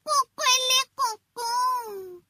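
A woman's voice: very high-pitched, sharp tone, pitched above the performer's own voice, exaggerated voice. A woman voicing a nervous, boastful rooster in a children's story, who stammers and crows between words. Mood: crowing, jittery.

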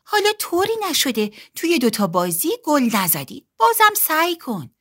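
A kind big sister from a children's storybook, always encouraging, voiced by a woman. Her pitch rises and falls lively. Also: heavily acted.

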